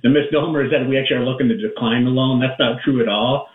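A man on the phone as a radio show guest, telling a story in a halting way with many fillers. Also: medium pitch, reverberant, recorded from a distance, phone-quality sound. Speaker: guest underwriter. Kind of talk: explaining a story to radio hosts.

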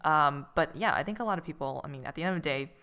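Woman in finance, low bright voice, casual self-deprecating chat. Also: rapid-fire. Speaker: podcast guest working in finance.

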